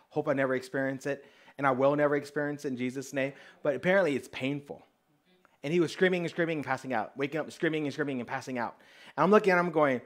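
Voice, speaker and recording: A man preaching a sermon, telling testimony stories in a lively, conversational way and speaking straight to the congregation. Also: medium pitch. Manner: lively storyteller, acting out dialogue; conversational, addresses the congregation directly.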